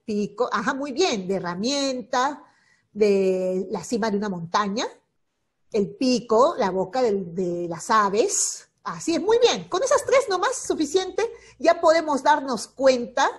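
A woman teacher giving an online lesson on a video call, patiently repeating key points and checking in constantly with her students. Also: on the high side. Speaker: secondary school teacher. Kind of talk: online class explanation.

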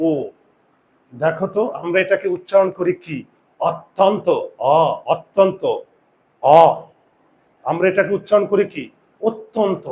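A man teaches a class, firing questions at his students. He drags out sounds slowly to demonstrate them. His voice sits a little higher than most men's. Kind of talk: classroom lesson.

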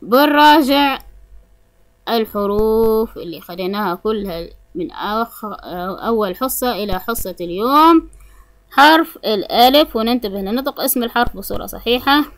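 A woman teaching a reading lesson for young children, sounding out syllables slowly and deliberately. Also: a little high, dry recording. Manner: slow, drawn-out syllables for children to repeat. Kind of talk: early-grade reading lesson.

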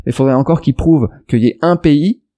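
A French investment YouTuber records a rambling, digressive video reply to a viewer's comment, full of restarts and fillers as he argues his point straight at the viewer. His voice is fairly high, fast and mellow.

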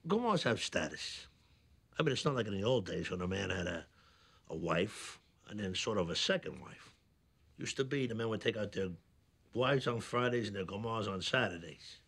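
An actor playing a blunt, unrepentant middle-aged mob boss in a crime drama, husky and dismissive. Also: male voice, lowish voice, expressive, moderate pace, a bit bright, heavily acted. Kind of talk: naturalistic TV crime drama acting.

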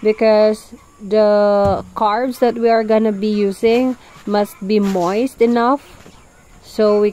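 A woman talks slowly and calmly through each step of a farm recipe, her voice at an ordinary mid pitch. She is recorded outdoors on a farm under a roof, with faint farm sounds and animals behind her. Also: a little hiss or hum, poor audio. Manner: calm, explanatory, plain wording. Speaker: farm vlogger. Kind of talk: instructional farm narration.

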